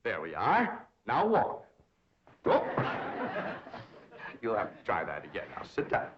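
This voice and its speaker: Snooty tutor, big fancy words, sing-song delivery, dull old tv audio. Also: male voice, fairly low pitch, wildly swooping pitch, takes it slowly, noisy background, heavily acted. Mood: pompous. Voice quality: pompous, theatrical. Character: pompous young man tutoring a country girl. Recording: dull 1960s TV soundtrack.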